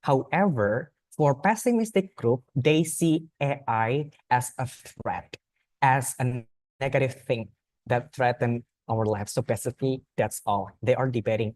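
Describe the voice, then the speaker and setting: With a mid-range, darkish voice and no echo, a young native Indonesian speaker presents informally at a youth forum in an Indonesian accent. His student talk is earnest and simply worded, full of restarts and repeated words.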